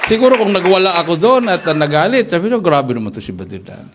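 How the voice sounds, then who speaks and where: A man preaching at a church worship service, telling stories in an animated way and acting out the dialogue. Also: high voice, fast talker. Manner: animated storyteller who acts out dialogue. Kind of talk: storytelling sermon.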